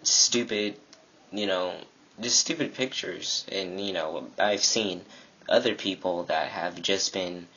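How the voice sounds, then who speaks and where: Teenage boy, earnest and animated; husky, slightly low voice on muffled webcam audio. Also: takes it slowly. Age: teens. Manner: earnest, animated, acts out quoted classmates. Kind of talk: casual preaching to camera.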